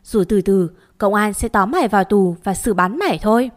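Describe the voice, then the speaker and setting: Woman playing an old mother-in-law, storybook, shrill and raised, loud, wailing and screeching insults. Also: animated, a little fast, natural voice. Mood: screeching rage.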